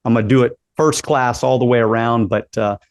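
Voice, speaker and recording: A podcast host in his late forties runs a casual interview, upbeat and encouraging, often repeating himself. His medium-pitched voice has fairly even intonation and moves fairly quickly in a dry recording.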